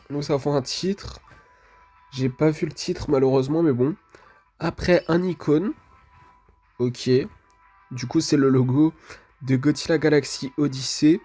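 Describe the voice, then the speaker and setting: Slow, hesitant gaming commentator. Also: male voice, a little high, mellow. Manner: hesitant, full of "du coup" fillers. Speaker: gaming video creator. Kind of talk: casual gameplay commentary.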